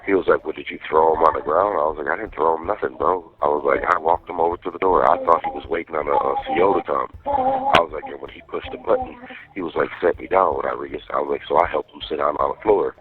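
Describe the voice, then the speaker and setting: A man's voice: very deep voice, expressive, quick pace. A man calling from jail over a prison phone line, talking casually and earnestly to his partner, rambling in street slang. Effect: heard over a prison phone line. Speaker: inmate on a phone call.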